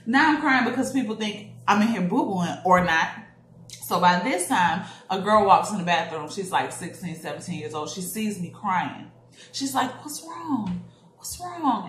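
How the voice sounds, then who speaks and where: A woman in her thirties tells a story from her own life in a relaxed, animated vlog style, slipping into the voices of the people she quotes. Her voice sits at a middle pitch. It bounces around an echoey room, with a faint noise underneath. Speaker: parent vlogger.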